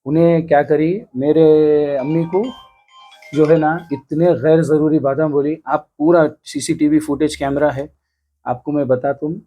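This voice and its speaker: A man in his thirties with a Hyderabadi accent, giving an earnest, halting news interview. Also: a little high, warm tone. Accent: Hyderabadi Hindi. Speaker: interviewee, complainant. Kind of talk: news interview, recounting an attack.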